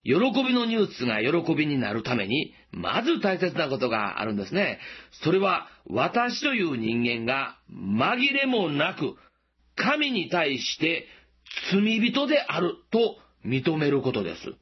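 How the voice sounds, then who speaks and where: Husky pastor man with a lively, rising-and-falling voice. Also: fairly high pitch. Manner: gentle, asks listeners questions, slows for emphasis. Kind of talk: sermon. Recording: dull lo-fi recording.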